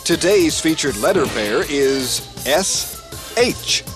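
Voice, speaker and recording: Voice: mid-range voice, animated, slow pace, music in the background. An announcer teaching letter sounds on an educational children's program. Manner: clear, didactic.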